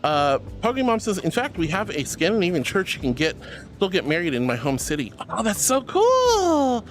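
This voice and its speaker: Reading her chat out loud, a woman running a casual livestream responds affectionately with terms like sweetie and honey, laughing often as she speaks. Her low-sitting voice is animated and brisk, with soft music underneath.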